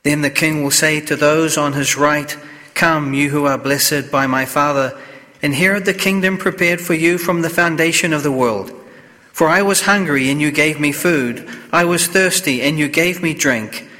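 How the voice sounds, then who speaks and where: A man with a bright, forceful voice reads scripture and preaches in a measured, solemn way. Each phrase trails off into the long cathedral echo of a large church. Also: fairly high pitch. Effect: cathedral echo, long church reverb. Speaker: clergyman. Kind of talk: Gospel reading and homily at Mass.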